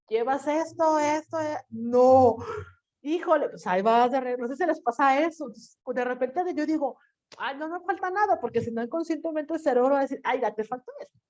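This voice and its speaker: A woman's voice: high voice, a little mellow. A woman teacher giving a chatty class lecture, acting out little inner voices as she explains. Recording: lo-fi dull audio.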